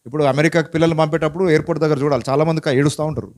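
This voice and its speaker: A pastor preaching a Bible-teaching sermon in a conversational way, asking many rhetorical questions and mixing in English words. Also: male voice, a little high, steady tone, racing, darkish tone. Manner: mixes English words into his speech.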